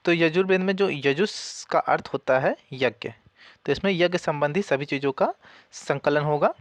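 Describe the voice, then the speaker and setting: A man's voice: on the high side, normal speed, no room sound, muffled recording. A man giving a casual spoken exam-prep lesson, asking questions and answering them himself, and repeating key points. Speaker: exam coaching teacher.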